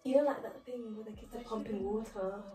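In a casual vlog filmed in a living room, a woman in her twenties quizzes her sister, teasing and laughing often. Her voice is a little high and a little fast with a dark tone, with soft background music. A far-off camera gives the sound a roomy quality.

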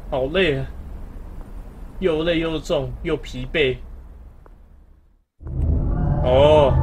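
A young man gives casual, chatty horror game commentary, muttering reactions and frequent exclamations as he plays. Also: on the high side. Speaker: gaming streamer. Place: indoor room, webcam setup. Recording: clear noise, game ambience behind voice. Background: horror game sound effects.

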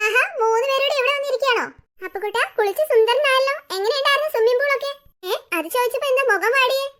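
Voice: extremely high pitch, rapid-fire. A voice actor playing a caring but firm mother in a cartoon story, who comforts her children and sends them to tuition. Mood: motherly. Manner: warm then firmly instructing.

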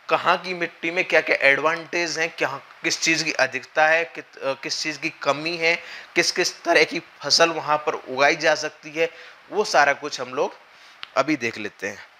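Still slightly rough from a recent cold, this young man's voice sits a little high as he teaches exam prep at a whiteboard. Energetic and firm, he works through the material step by step, pausing and checking in with the class frequently. A soft hiss of room tone comes through the lapel microphone.

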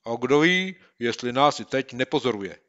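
A man's voice: mid-range voice, lively intonation, a bit bright, lo-fi sound, pitched above the performer's own voice, lightly acted. A man voicing a bold, scheming schoolboy sleuth who speaks with raised, emphatic delivery in an audiobook. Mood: keen. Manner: emphatic, declaiming threats. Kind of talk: audiobook character voice.

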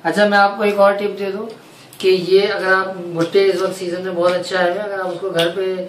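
A man's voice: high-pitched, little pitch movement, brisk, a bit bright. A man in his forties co-hosting a home cooking demo, chatting and repeating tips for viewers. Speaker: cooking channel co-host. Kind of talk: casual cooking demo chat. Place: home kitchen. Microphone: far camera. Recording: roomy kitchen sound from a distance, faint noise.

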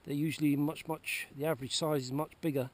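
A man's voice: a little high, steady tone, brisk. A man explaining fishing methods from a kayak out at sea, chatty and repeating himself as he goes, recorded on a kayak-mounted camera. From Cornwall, UK. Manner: chatty, repeats words and restarts while explaining. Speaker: kayak angler presenting a fishing video. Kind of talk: casual outdoor how-to narration. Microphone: action camera mounted on the kayak.

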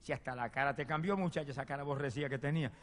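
A man preaching a sermon and telling his own testimony, fervent, swinging from loud exclamations to hushed storytelling. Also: mid-range voice, racing. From Puerto Rico. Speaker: evangelist preacher. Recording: long hall reverb.

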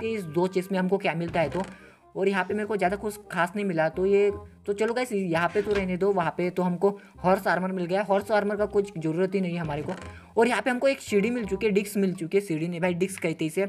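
A man giving Let's Play gameplay commentary as a gaming channel host, excitable and full of slangy exclamations. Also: high-pitched.

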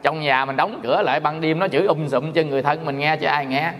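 A middle-aged monk from Vietnam gives a dharma talk in a fairly high voice. He jokes and acts out small quarrels. His words ring out with a long reverb in a large hall. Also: steady tone, fast talker, fairly bright tone. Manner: folksy, joking, acts out quarrels. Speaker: Buddhist monk teacher.

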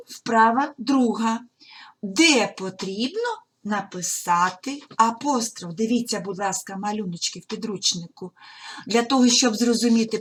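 A woman teaching a primary school language lesson on video, sounding out words slowly and carefully as if dictating. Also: mid-range voice, a bit bright, slightly rough. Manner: slow, careful dictation-like articulation, stretching out words.

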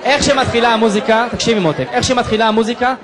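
Comedian for stand-up crowd work: man, very high voice, teasing and bossy, over a loud live audience. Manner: teasing, bossy director banter. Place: stage before a live audience. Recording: live show with audience noise.

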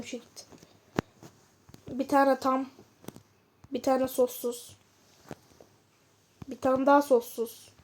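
A woman's voice: sits high, darkish tone. A woman giving casual commentary while playing a game, chatting and muttering to herself with frustrated outbursts. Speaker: gamer.

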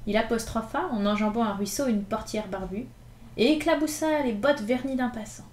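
A woman reading a classic novel aloud in an expressive, lively storytelling manner. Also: on the high side, moderate pace, a little hiss or hum. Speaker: reader. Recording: echoey room with faint ambience.

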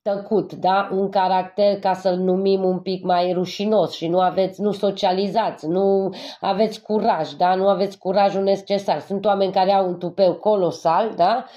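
A woman's voice: medium pitch, steady tone, warm tone. A woman from Transylvania doing a tarot reading for her viewers. She is a little congested from a cold, speaks to them fondly and keeps checking in with a questioning "yes?". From Transylvania, Romania. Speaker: tarot card reader. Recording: dull lo-fi recording.

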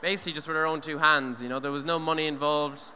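On the stage of a large hall, a young adult man from Ireland addresses an eco event through a handheld mic. His high-leaning voice is flat in delivery, quick, and sharp, and his earnest talk rambles with frequent restarts and "you know". Long hall reverb and faint noise color the sound.

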